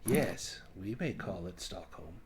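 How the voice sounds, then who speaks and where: A man voicing a servile, sly goblinoid slave from a cave, halting and deferential in a tabletop game. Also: low-pitched, lively intonation, darkish tone, pitched below the performer's own voice. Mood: meek, evasive.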